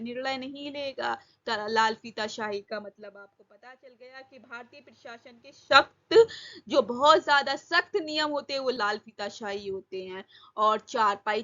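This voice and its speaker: A woman's voice: high voice, sharp tone, lo-fi sound. A woman teacher going through exam questions, asking her students each answer again and drawing out key words. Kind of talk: exam-prep lesson.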